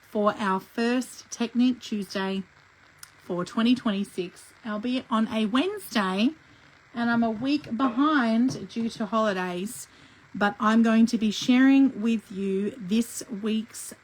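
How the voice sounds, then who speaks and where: Poor audio captures a middle-aged woman teaching a live scrapbooking tutorial, chatty and frequently clearing her throat. A scrapbooking instructor, she has a voice on the high side that's croaky from a lingering cough.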